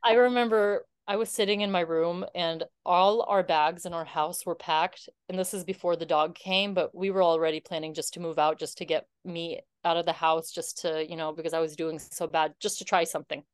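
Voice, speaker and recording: A woman's voice: on the low side, fairly even intonation, fairly quick, hardly any pauses, clear, resonant tone, dry recording. A woman guest in her thirties telling her story in a casual interview, earnest and heartfelt, with many fillers. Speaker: podcast guest.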